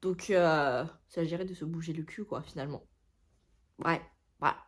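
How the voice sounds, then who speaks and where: A woman's voice: low voice, normal speed, husky. A young woman talking casually about books in a vlog, rambling, chatty and often correcting herself. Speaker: book vlogger. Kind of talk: casual chat.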